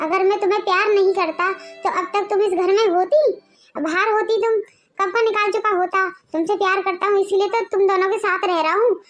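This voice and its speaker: A put-upon husband in a homemade family skit, forever lecturing and soothing his two wives, played in a strikingly high, thin voice. He talks in a coaxing, preachy way. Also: fairly even intonation, brisk, a bit bright, faint music behind. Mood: reassuring. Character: adult husband torn between two wives, placating. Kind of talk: amateur family skit acting.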